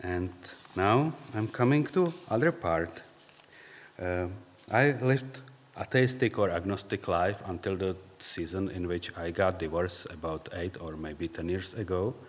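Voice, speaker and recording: A low-pitched man with a Czech accent, speaking English as a second language, shares a reflective personal faith story. His phrasing is halting and non-native as he searches for words, and the recording has a long, hall-like reverb.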